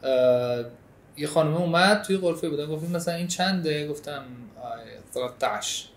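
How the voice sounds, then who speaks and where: A man's voice: fairly high pitch, roomy sound, slight background noise. A man from Iran co-hosting a casual chat, telling stories in an earnest, chatty way. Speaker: co-host.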